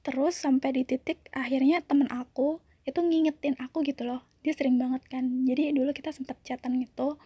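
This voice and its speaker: A woman's voice: sits high, steady tone, a little fast, warm tone, dry recording. A young woman in her twenties sharing a personal story in a casual, confiding way, full of fillers. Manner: chatty, confiding, many fillers.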